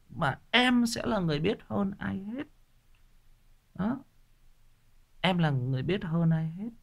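A man's voice: fairly high pitch, vocal fry, a bit bright. A man, giving a listener earnest, repetitive advice in a casual livestream talk. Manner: earnest and repetitive, often pausing on a drawn-out "đó".

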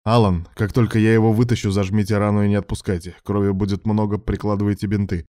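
A man's voice: lowish voice, level tone, quick pace, mellow, no room sound, clean studio sound, lightly acted. A man voicing a determined male surgeon who gives firm, urgent commands.

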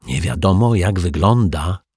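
A man voicing a small, worried boy in a children's story, first whispering anxiously, later shouting. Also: sits low, a little slow, slightly rough, no echo, clean studio sound.

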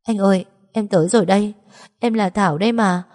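A woman's voice: medium pitch, fairly quick, voice pushed up, close to an everyday voice. A woman voicing a distraught young woman who pleads tearfully, in an audiobook story. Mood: desperate. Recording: long reverb.

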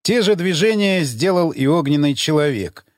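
A man narrating an audiobook in an expressive, theatrical style. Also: a little high, moderate pace, no echo, studio quality.

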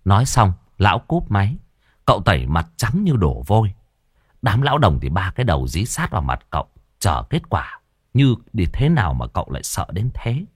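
Male storyteller, low and expressive, dry studio sound. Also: normal speed, slightly rough, no echo. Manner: lively, vivid narration. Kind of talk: dramatic comic storytelling.

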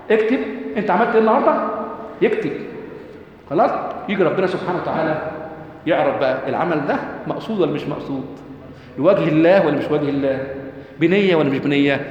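A man with an Egyptian Arabic accent giving a lecture on Quran rhetoric, asking his class questions and quoting verses slowly. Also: on the high side, slight background noise. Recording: echoey hall, dull lo-fi.

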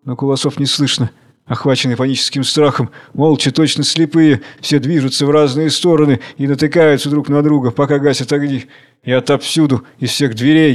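A man giving a measured, solemn dramatic reading of a play's stage directions. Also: medium pitch, darkish tone. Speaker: reader.

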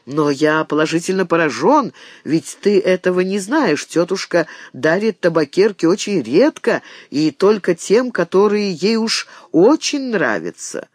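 A man voicing an anxious, eager young nobleman in love who talks in an excited, pleading way. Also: high-pitched, unhurried, no room sound, clean studio sound.

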